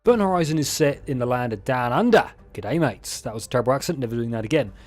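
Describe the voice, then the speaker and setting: Young male gaming host, casual voice-over, mid pitch, cheeky asides. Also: lively intonation, racing, a little mellow, soft background music. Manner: chatty, joking asides, self-mocking. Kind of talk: casual game update rundown over gameplay.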